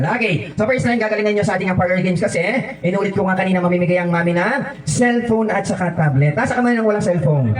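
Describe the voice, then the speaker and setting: A man hosting a children's birthday party as a clown, running guessing games in a playful, teasing way. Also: high voice. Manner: playful and teasing, mixing English and Filipino. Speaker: party host dressed as a clown. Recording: echoey room, mic far off.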